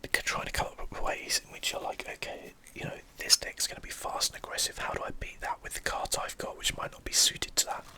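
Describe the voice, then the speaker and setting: The host of a gameplay channel gives whispered ASMR commentary over the game, almost wholly unvoiced. The breathy whisper is very bright with a sharp, airy edge, and though the pace is fairly quick with few pauses, the speaker muses aloud and lingers over each thought.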